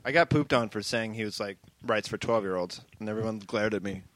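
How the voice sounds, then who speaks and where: A man's voice: fairly low pitch, brisk, a bit bright, dry recording. A man co-hosting a casual podcast, jokey and profane, riffing on absurd ideas. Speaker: podcast co-host.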